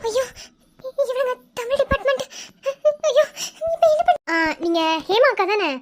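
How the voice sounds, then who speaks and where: Woman voicing a cheeky, squeaky college girl. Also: expressive, moderate pace, over loud music. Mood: joking. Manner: flippant and joking. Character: cheeky young woman college student, playful best friend. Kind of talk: Tamil cartoon voice acting.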